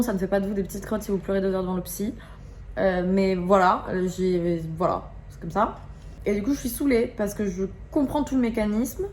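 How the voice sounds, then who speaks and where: A woman's voice: mid-range voice, darkish tone, slight background noise. A young woman vlogging at home, talking casually and candidly in slangy speech, openly irritated. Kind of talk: casual confessional vlog.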